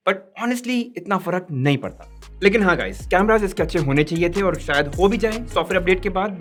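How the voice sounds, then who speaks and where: A man's voice: on the high side, fairly bright tone. A man giving a casual smartphone review as a tech reviewer, talking conversationally and mixing English words into his Hindi.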